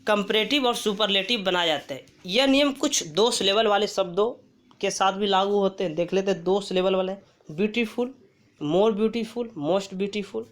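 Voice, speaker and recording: A woman's voice: mid-range voice, normal speed. A woman teaching English grammar, reading word lists aloud and asking and answering her own questions. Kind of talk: slow classroom-style grammar lesson.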